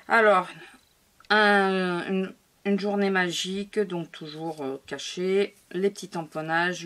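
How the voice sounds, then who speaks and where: A woman's voice: fairly low pitch, fairly bright tone. A woman casually showing her scrapbook album to viewers, chatty and hesitant, with many fillers and restarts. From France. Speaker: scrapbooking vlogger. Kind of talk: casual show-and-tell of a craft album.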